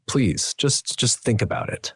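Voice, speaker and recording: A man voicing a middle-aged stepfather in a read-aloud story, pleading in a halting way. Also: mid-range voice, very animated, vocal fry, husky, no echo, clean studio sound, voice pushed up, heavily acted.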